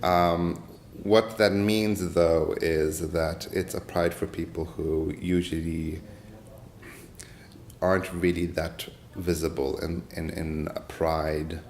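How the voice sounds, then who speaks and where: A man with a very deep, flat voice speaks slowly and deliberately. The sound is roomy, with faint background noise. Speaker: festival organiser. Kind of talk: interview commentary.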